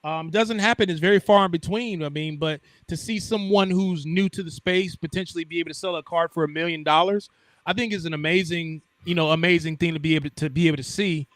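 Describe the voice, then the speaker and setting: A man co-hosting a casual podcast chat, talking over a laptop mic on a call, animated and restarting his sentences. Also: fairly high pitch, fast talker, no room sound. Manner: animated, repeats words when starting a point. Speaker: podcast co-host.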